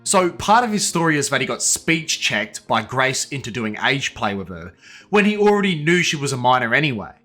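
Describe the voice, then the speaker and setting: A man's voice: mid-range voice, sing-song, fairly quick, pushed and bright, faint music behind. A man narrating a scripted exposé in a casual, blunt and profane manner, with sardonic asides aimed directly at the person he is exposing. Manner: sardonic, addresses his target directly.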